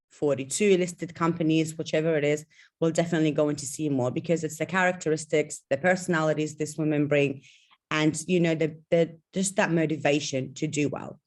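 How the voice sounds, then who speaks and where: A woman's voice: low-pitched, darkish tone. A woman in her thirties, originally from Iraq, speaking emphatically and confidently on an online video call panel. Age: 30s. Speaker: guest participant.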